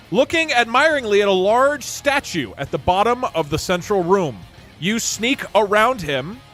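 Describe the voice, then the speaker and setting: A high-voiced man running a tabletop fantasy game as game master, setting scenes and calling for rolls. He narrates briskly and breaks in with lively, incredulous asides.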